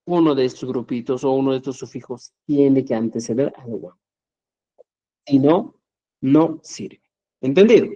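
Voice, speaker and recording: A man teaching a live-streamed Quechua writing lesson. He is patient, keeps checking that students follow, and says his examples slowly. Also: a little high, warm tone, muffled recording.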